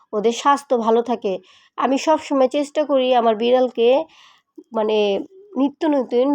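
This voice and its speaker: Cooking in her kitchen, a middle-aged woman with a colloquial Bangladeshi Bengali accent chats for her home pet vlog in a high-pitched voice, playfully scolding and coaxing her cats.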